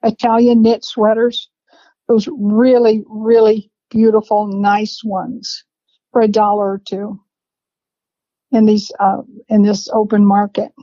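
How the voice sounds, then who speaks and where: A woman in her seventies telling family memories in a rambling, unhurried way with laughs between stories. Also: medium pitch, little pitch movement, dark tone, dry recording. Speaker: interviewee, family matriarch. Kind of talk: reminiscing conversation. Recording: dry, slightly dull lo-fi sound.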